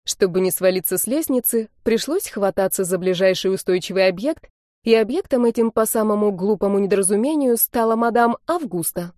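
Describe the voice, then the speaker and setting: A woman reading an audiobook in the first person with a mellow, warm voice. Her telling is lively and expressive, recorded close with a dry sound. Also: medium pitch, fairly quick, no echo. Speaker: audiobook narrator. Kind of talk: first-person scripted narration.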